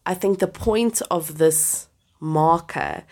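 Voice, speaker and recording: A woman's voice: deep voice, slow, a little mellow. Enthusiastic woman with a stuffy cold voice. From Southern Hemisphere. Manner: enthusiastic, laughs often. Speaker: podcast co-host. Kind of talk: casual faith chat.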